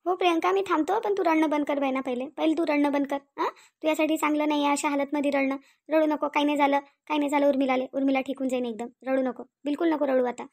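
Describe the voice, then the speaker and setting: A woman voicing a very high-pitched, nagging village mother. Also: steady tone, fast talker, vocal fry, darkish tone. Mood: soothing. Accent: Varhadi Marathi. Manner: repetitive, nagging, tag questions. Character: fussy middle-aged village mother, scolding then soothing.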